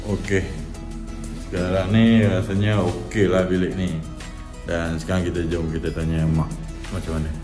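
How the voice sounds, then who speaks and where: A man's voice: deep voice, flat delivery, moderate pace, pauses often. A young Malaysian man casually vlogging a family road trip, filming himself on a phone at arm's length. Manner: chatty, guiding the viewer on a family road trip. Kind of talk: casual travel vlog. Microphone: phone camera held at arm's length. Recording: loud music bed under the voice.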